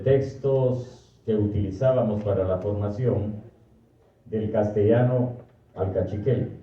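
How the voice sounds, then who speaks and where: An older Guatemalan priest with a Guatemalan Spanish accent speaks very slowly in a low voice, pausing and correcting himself as he reflects. He is heard from well away from the microphone, in an echoing space with a dull, muffled sound. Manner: slow, thoughtful, self-correcting. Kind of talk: reflective personal talk. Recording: distant, echoey, muffled hall recording.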